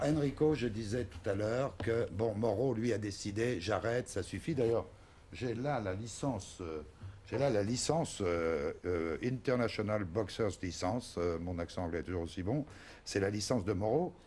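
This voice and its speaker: A male TV talk show host who asks probing questions in a lively way. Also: fairly low pitch, moderate pace, a little hiss or hum.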